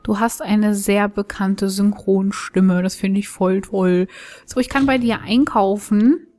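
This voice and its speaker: A woman's voice: medium pitch, steady tone, slow pace, a little mellow. A woman giving chatty, enthusiastic commentary while playing a video game and thinking aloud. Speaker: let's play host. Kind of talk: casual gameplay commentary.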